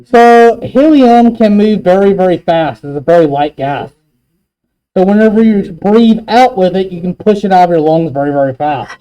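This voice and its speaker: A man's voice: high voice, normal speed, dark tone, clean tone, poor audio. A man teaching chemistry in a classroom, explaining step by step and quizzing his students. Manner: patient, explains step by step with questions.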